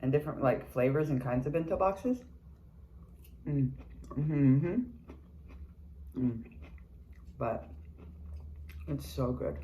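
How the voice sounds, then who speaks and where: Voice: medium pitch, warm tone, slight background noise, rough recording. A mukbang vlogger in a casual eating video, chatting between bites with lots of chewing murmurs and candid, sweary remarks.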